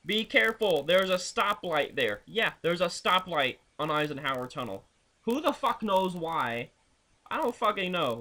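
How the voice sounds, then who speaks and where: A man's voice: fairly high pitch, pushed and bright. A young man in a video blog, ranting crudely and swearing constantly while telling road trip stories. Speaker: vlogger. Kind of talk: profane ranting vlog.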